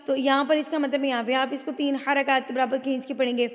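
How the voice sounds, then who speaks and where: A woman teaching tajweed, patiently explaining each rule and reciting phrases slowly. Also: high-pitched, little pitch movement, long reverb tail. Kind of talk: tajweed lesson with slow recitation.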